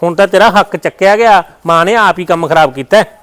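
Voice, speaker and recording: A man's voice: high voice, brisk, a bit bright, no room sound. A man playing a brother in a family drama skit, warning his sister and brushing her off. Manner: cautioning, dismissive. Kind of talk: village family drama acting.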